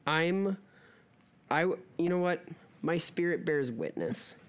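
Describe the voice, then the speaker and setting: Lively, lower-voiced woman podcast host. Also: slow. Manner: playful, jokey, scattered. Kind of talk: casual, rambling chat.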